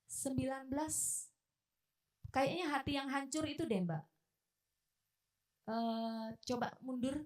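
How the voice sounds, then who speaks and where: A woman preacher delivering a sermon in a church, animated, acting out quoted voices and swinging between loud outbursts and hushed asides. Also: sits high, takes it slowly, long pauses. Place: church hall. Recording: echoey hall from far off.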